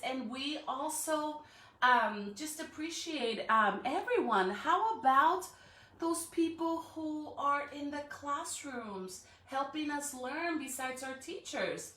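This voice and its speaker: A high, fairly bright female voice comes from a distance in an echoey room. She's elementary school staff hosting a live-streamed read-aloud, cheering on young children with frequent rhetorical check-ins and "right?" before turning to a storybook.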